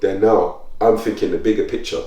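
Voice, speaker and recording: A man's voice: on the low side, a little fast, recorded from a distance. A man telling stories in casual chat, full of slang, his voice jumping up when he gets worked up. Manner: animated storytelling with slang, voice jumps up when worked up. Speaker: podcast host. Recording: roomy sound, a bit off the mic.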